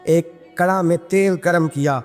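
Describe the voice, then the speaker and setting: Fervent high-voiced male preacher, echoing hall. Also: steady tone. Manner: fervent storytelling, pitch climbing as emotion builds; quick Arabic Quran recitation. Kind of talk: impassioned Islamic sermon. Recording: long hall reverb with background music.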